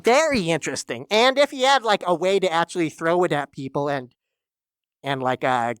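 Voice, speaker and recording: A woman hosting a reaction video, musing aloud in a halting, wry way. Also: low voice, expressive, smooth, no echo, clean studio sound. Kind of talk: casual reaction commentary.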